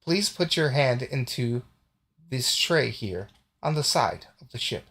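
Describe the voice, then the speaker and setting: A man's voice: mid-range voice, lively intonation, measured pace, fairly bright tone, slightly rough, exaggerated voice. A man voicing a polite male ship computer AI in a tabletop roleplay, talking in a formal, helpful way.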